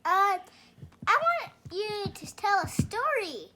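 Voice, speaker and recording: A listener asking for a story and chiming in with short eager replies and questions. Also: female voice, extremely high pitch, sing-song, takes it slowly, pushed and bright.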